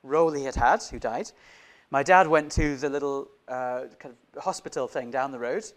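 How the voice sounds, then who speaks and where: A young man preaching a sermon in a church, who grew up in Indonesia, talking with lively gestures and asking many questions of the congregation. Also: mid-range voice, moderate pace. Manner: animated, gestures broadly, many rhetorical questions. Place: church hall, indoors. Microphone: lapel mic.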